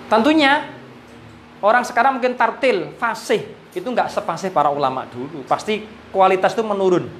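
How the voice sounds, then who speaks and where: A man from Indonesia with a Javanese accent, teaching a live Quran reading class in a relaxed way, with Javanese words mixed in. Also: sits high, brisk, a little hiss or hum.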